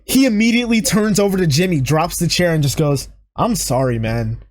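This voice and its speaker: A young man hosting a casual podcast chat, recapping excitedly and acting out quoted lines. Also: sits high, fast, dry recording, clean studio sound. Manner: animated recapping, acts out quoted lines in raised voices. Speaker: podcast host.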